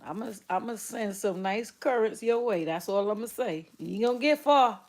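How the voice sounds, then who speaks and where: A woman's voice: mid-range voice, moderate pace. A middle-aged woman, chatting casually with viewers on a livestream, teasing and laughing often. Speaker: livestream host.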